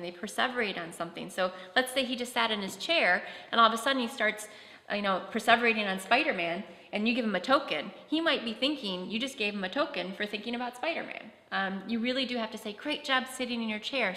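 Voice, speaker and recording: A woman's voice: mid-range voice, fast talker, bright, forceful tone. A woman presenting a practical workshop talk at a conference, explaining with concrete classroom examples. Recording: echoey hall.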